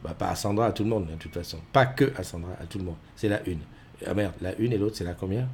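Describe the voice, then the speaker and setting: A man's voice: low-pitched, fast talker, a little mellow, a little hiss or hum. Man, middle-aged, live-stream host, chatty, rambling, lots of fillers, desk mic at home. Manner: chatty, rambling, many fillers, greets viewers by name. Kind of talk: casual live-stream chat. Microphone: desk mic with webcams.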